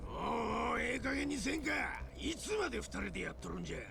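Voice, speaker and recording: Brash, gravelly Hiroshima yakuza tough. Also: male voice, extremely high pitch, sing-song, rapid-fire, heavily acted. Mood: menacing, exasperated. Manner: swaggering, rough, blustering. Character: brash, hot-tempered male yakuza tough. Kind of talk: video game cutscene acting. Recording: loud game music under the voice. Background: game soundtrack music.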